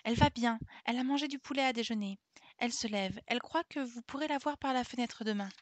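Woman doing a high excited little girl in a storybook, dry close sound. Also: quick pace, no room sound, close to an everyday voice. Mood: chatty. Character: lively little girl, eager and caring. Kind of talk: audiobook character reading.

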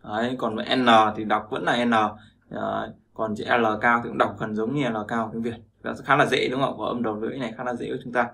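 A man's voice: mid-range voice, steady tone, quick pace, creaky, fairly bright tone. A man teaching pronunciation, repeating sounds and often checking that listeners follow. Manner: repetitive, keeps checking with listeners. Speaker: language teacher. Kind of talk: explaining pronunciation lesson.

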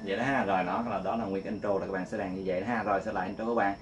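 A man giving a casual guitar lesson, singing note names slowly between quick explanations. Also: low voice, fairly even intonation. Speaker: guitar teacher. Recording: loud guitar playing along.

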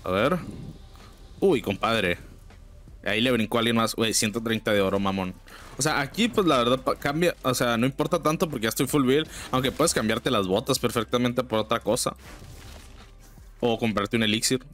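A young man with a Mexican accent gives casual, slang-filled commentary over his own gameplay, breaking into sudden high exclamations and griping about teammates. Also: normal speed, a bit bright. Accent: Mexican Spanish. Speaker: gaming streamer.

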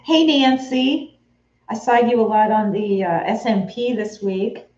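Her voice sits a little high and a little mellow, and she never hurries. She's a craft vlogger from Texas in her forties, casually chatting with live viewers by name as she sews in her home sewing room. The tripod-mounted camera a few feet away records her indoors with roomy, slightly dull home-camera sound.

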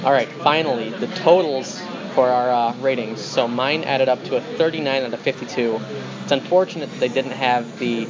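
Dry-humored young man hosting. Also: medium pitch. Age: young adult. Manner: dry, joking, brisk. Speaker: host. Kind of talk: casual food review vlog. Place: indoor restaurant with wooden wall. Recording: dull lo-fi sound with loud background music.

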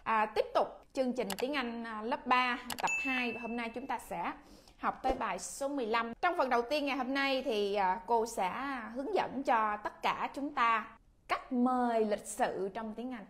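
A woman with a Vietnamese accent leads a children's English class, her voice pitched high. She speaks patiently and repeats each word so the children can read along after her. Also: normal speed, a bit bright, slight background noise. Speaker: English teacher.

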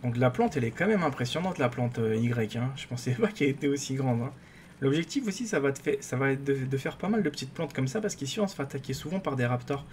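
Male gaming YouTuber, mid pitch, casual and excitable, rambles; faint noise floor. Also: fast talker. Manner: rambling, excitable, many fillers and restarts. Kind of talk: casual gameplay commentary.

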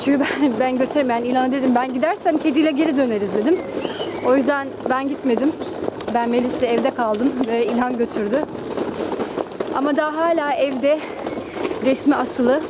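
Young female vlogger, high voice, chatty and personal, loud traffic noise around her. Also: fairly even intonation, fairly quick. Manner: chatty, personal, with many fillers. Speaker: family vlogger. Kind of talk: casual vlog chat to camera. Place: outdoors on a busy city street, walking home.

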